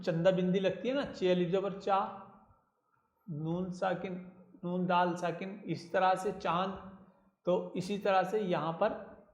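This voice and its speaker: A man's voice: sits high, reverberant, lo-fi sound. A man teaching Urdu script, patiently spelling words out letter by letter. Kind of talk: slow spelling lesson.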